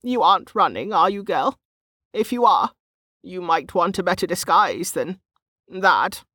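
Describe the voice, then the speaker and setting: In an audiobook, a narrator voices a bawdy old market-stall woman who teases with a knowing manner and calls people "girl" and "dear." The medium-pitched delivery is animated, a little slow, sharp, slightly rough, pushed up and exaggerated, recorded dry and clean in a studio.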